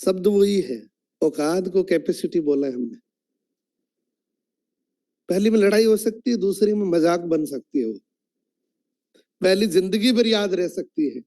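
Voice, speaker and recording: A man's voice: high-pitched, expressive, a little slow, long pauses, dark tone. A man running an online training meeting, explaining his point in an instructive way and asking the audience questions.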